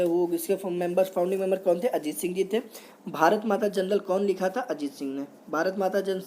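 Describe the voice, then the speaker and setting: Mellow-voiced male history teacher. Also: high-pitched, a little hiss or hum. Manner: reads English notes slowly, then explains in Hindi; quizzes with repeated questions and "okay". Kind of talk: exam-prep history lecture.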